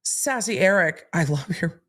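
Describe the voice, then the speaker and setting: Here a legal livestream host speaks in a lowish voice at a measured pace. Chatty and open, she works through viewer questions, reading each one out and giving even, explanatory answers.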